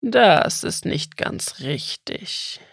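A storyteller voicing a giant wise turtle with a guttural, rasping voice who speaks in slow riddles. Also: medium pitch, expressive, dry recording, clean studio sound, heavily acted. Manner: slow, unhurried, grumbling.

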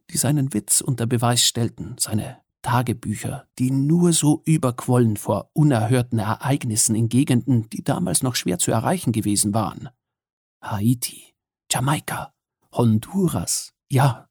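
Gravelly man reading a wry story. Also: mid-range voice, a little mellow, no echo, studio quality. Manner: measured, wry storytelling with occasional hesitations. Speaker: audiobook narrator. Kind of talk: first-person story narration.

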